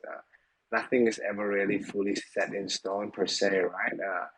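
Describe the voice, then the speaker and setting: A project team member hosting an AMA speaks casually on a live audio chat, heavy on fillers and a bit profane. His voice sits on the low side, and the rough recording carries a little hiss or hum.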